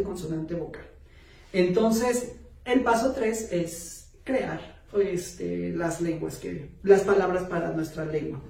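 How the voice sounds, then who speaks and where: A course instructor walks through a lesson step by step, filling pauses with many small filler words and restarting words partway through. The voice is dark and mellow. It sits back from the mic in a roomy, echoing space. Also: medium pitch. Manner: frequent "este" and "entonces" fillers, restarts words mid-sentence. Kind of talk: online video lesson, step-by-step explanation. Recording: roomy echo, voice distant from the mic.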